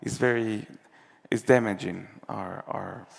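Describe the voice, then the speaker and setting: Man from El Salvador, halting panel answers, gravelly, big reverberant hall. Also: lowish voice, fairly even intonation. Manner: halting, many restarts and fillers. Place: large conference hall. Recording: long reverb of a conference hall.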